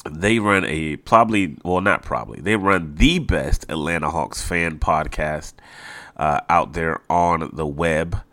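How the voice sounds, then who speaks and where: Deep voiced guy doing a casual sports podcast, bit nasal like a stuffy nose, dry sound. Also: measured pace, sharp tone, no room sound. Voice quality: slightly nasal, congested. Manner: informal, emphatic repetition of phrases. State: mildly congested from allergies. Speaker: podcast host.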